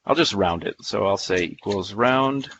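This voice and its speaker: Man, software demo presenter, playful folksy manner, lowish voice, dull muffled recording. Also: expressive, moderate pace, slightly rough. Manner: playful, folksy, thinking aloud. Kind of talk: live software demo talk.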